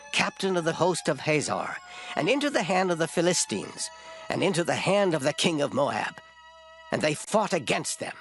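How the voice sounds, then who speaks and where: In a dramatized scripture reading, a male actor voices an old, gray-headed prophet in a solemn, stern, grave and declamatory manner. His voice sits on the high side and is a bit bright.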